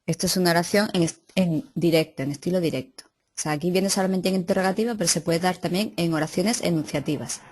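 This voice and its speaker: Low-voiced woman teaching a class. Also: quick pace, a little mellow. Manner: explains step by step, with restarts and "o sea" asides. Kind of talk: classroom grammar lesson. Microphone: recorded class.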